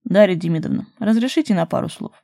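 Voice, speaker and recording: A woman's voice: medium pitch, lively intonation, fast talker, creaky, warm tone. A woman voicing a stern young male bodyguard who growls curt commands.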